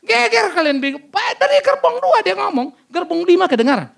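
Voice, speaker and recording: A man with a Batak Indonesian accent preaches with a blunt, booming delivery. His voice sits high and swings wildly up and down, with a gravelly edge. He tells stories and breaks into sudden shouts. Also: a little fast. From North Sumatra, Batak. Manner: loud, blunt, animated storytelling with sudden shouts. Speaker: pastor. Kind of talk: sermon. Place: church service.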